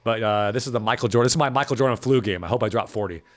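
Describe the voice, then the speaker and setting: A man hosting a podcast, wrapping up the episode in a casual, upbeat way, his voice raspy and hoarse from being sick. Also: fairly low pitch. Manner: fast, upbeat chatty delivery. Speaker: podcast host.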